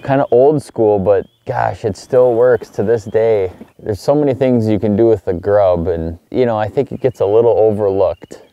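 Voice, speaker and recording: A middle-aged man hosting a casual fishing tutorial from a kayak on a small lake, talking easily and breaking into excited exclamations. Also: fairly low pitch, moderate pace, dry recording, muffled recording. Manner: relaxed, upbeat, excited exclamations when fish bite. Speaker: fishing video host.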